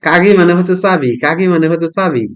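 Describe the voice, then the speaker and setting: A man's voice: on the high side, fast talker. A middle-aged man teaching a vocabulary lesson, repeating words and asking and answering his own questions. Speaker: language teacher.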